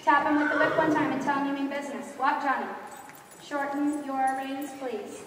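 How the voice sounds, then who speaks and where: A woman riding instructor coaching a live lesson with brisk, projected commands, firm and instructive, often checking understanding with questions. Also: high voice, little pitch movement. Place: large echoey riding arena. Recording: echoey hall, distant mic, background noise.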